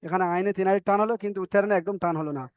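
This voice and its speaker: A man teaching a recorded online reading class, drilling letters slowly one by one and explaining in quick bursts. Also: high-pitched, fairly even intonation, clean tone, no echo, lo-fi sound.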